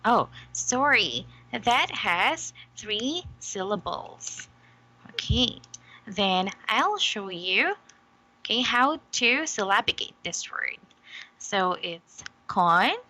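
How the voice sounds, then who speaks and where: A woman teaches a one-on-one English lesson over a computer mic, unhurried and deliberate. Her voice is bright and forward, and she checks in with her student after nearly every phrase. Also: mid-range voice, expressive, low-quality recording. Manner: patient, slow, frequent "okay?" checks.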